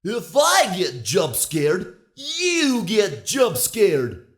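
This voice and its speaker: A man's voice: high voice, wildly swooping pitch, extremely slow, fairly bright tone, heavily acted. A man voicing a petulant toy animatronic in a video game, whining like a sore loser. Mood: indignant. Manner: whining complaints. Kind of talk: video game character acting.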